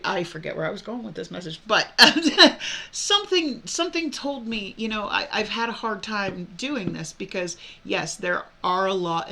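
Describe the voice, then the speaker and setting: A woman's voice: fairly low pitch, vocal fry, pushed and bright. A woman who reads tarot, talking to her camera in a casual, heartfelt monologue that rambles earnestly with restarts and nervous laughs, recorded at home on a computer webcam. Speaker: tarot reader. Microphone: computer webcam mic.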